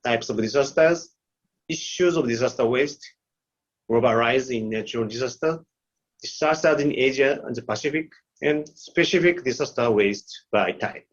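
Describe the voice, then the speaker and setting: A man, giving an online lecture with slides, halting and full of fillers. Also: medium pitch. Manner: halting, many fillers and restarts. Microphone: video call. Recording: muffled video call audio.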